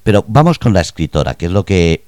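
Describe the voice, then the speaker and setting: A man's voice: deep voice, big pitch swings, fast, a little mellow, no room sound, studio quality. A man hosting a radio interview, asking playful, probing questions. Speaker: radio host.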